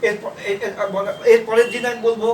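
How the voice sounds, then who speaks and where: A man from India teaching a shorthand class, explaining slowly and repeating himself, letter by letter. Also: sits high, level tone, a little mellow, a little hiss or hum. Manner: repetitive, halting, spells out letters. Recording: echoey room from far off.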